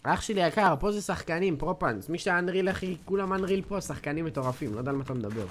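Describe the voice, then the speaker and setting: A man's voice: fairly high pitch, expressive, a little hiss or hum. An eighteen-year-old man from Israel streaming a game live, boasting and trash-talking to his chat in a hyped, slangy way. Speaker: gaming streamer.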